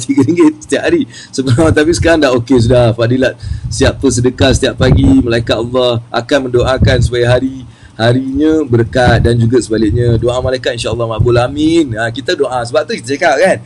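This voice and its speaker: A man giving a motivational seminar talk about wealth, chatty and lively, repeating phrases for emphasis. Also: mid-range voice, quick pace, noisy background.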